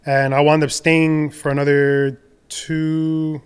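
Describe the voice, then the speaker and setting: A young adult man from the Dominican Republic, a podcast guest telling his career story in a relaxed, rambling way with many fillers and restarts. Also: on the high side, slow, clean tone. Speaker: podcast guest, designer and entrepreneur. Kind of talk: casual conversational storytelling.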